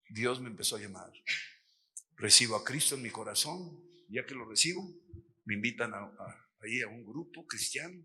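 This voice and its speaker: A middle-aged Mexican man giving a lively testimony sermon at a missions workshop, acting out the dialogue as he tells the story. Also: mid-range voice, slightly rough. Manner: animated storytelling, acts out dialogue.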